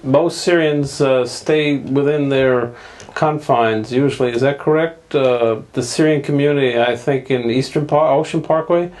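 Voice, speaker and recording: A man's voice: mid-range voice, a little slow, a little mellow. A man hosting a TV interview show, joking and often cutting into his guests' answers. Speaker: talk show host. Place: TV studio.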